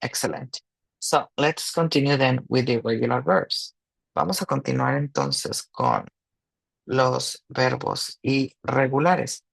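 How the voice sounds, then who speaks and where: With a medium-pitched, very animated voice that carries vocal fry and some brightness, an English teacher explains grammar in an online lesson. He goes slowly and patiently, alternating Spanish and English with small restarts, and the recording is dry and rough.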